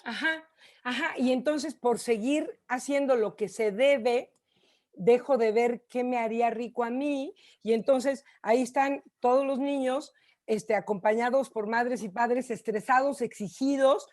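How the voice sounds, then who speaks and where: A woman's voice: fairly high pitch, a little slow, darkish tone. A Mexican woman leading an online group session, encouraging and colloquial, heard over a video call. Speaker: workshop facilitator.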